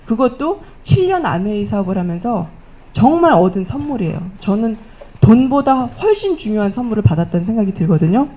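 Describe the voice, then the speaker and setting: A woman's voice: mid-range voice, very animated, fairly quick. A middle-aged woman giving a motivational stage testimony, telling stories animatedly and acting out the remarks she quotes. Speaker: speaker at a business recognition event. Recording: dull lo-fi event recording.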